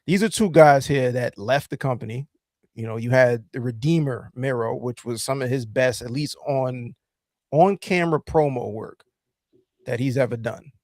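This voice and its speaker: Brief: male podcast host, mid-pitched, loose rambling delivery full of fillers, dry close mic. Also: normal speed, darkish tone, dry recording. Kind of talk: casual chat.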